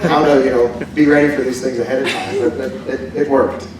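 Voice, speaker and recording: A man's voice: mid-range voice, level tone, fairly quick, background noise. A man presenting casually to an audience, self-deprecating and laughing through his story. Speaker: amusement park manager. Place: large indoor presentation hall. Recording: echoey hall, from far off. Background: audience in the room.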